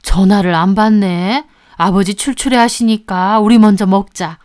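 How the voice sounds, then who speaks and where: A woman's voice: mid-range voice, fairly even intonation, normal speed, darkish tone, dry recording, studio quality, lightly acted. A woman voicing a bossy, nosy older mother-in-law who nags and scolds her family in a story narration. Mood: nagging. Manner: nagging, scolding.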